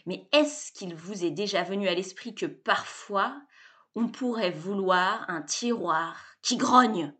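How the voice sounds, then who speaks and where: A woman doing a brash, pushy male salesman. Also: takes it slowly. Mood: pitching. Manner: loud, gushing, over-familiar sales pitch.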